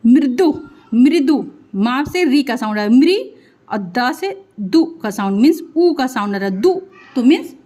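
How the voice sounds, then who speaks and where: A young woman teaching children Hindi vowel signs, sounding each syllable out slowly and patiently. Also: fairly high pitch, expressive, darkish tone. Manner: patient, spells sounds out slowly, often says sorry and "means". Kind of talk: online Hindi lesson for children.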